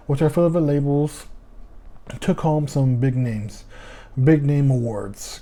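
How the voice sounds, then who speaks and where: Mellow-voiced man with a lisp. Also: medium pitch. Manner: rambling, stumbles over foreign names, says "y'all" to listeners. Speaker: podcast host. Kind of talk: casual solo music podcast chat.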